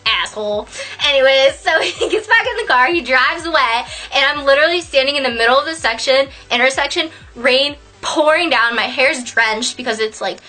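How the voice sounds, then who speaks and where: Young woman telling a storytime on her vlog, high voice, really bright, swears a lot, bit of music behind. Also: brisk, few pauses. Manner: animated and swearing, with laughs and squealed quotes. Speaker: vlogger.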